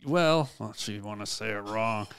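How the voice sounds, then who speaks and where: A man in casual comedic chat who delivers made-up stories deadpan and sticks to the bit. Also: on the low side, normal speed, clear, resonant tone.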